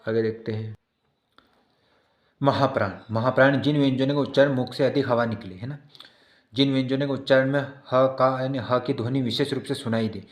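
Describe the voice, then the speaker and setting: Male teacher, mid-pitch, patient repeating style, checks in often; echoey room. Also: steady tone, moderate pace. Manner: explains by repeating definitions, checks in with "है ना". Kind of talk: exam prep lesson.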